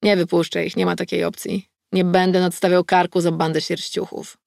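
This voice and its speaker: A woman voicing a gruff male vampire bar owner who talks curtly and bluntly in an audiobook. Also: lowish voice, level tone, normal speed, darkish tone, no echo, studio quality. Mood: defiant.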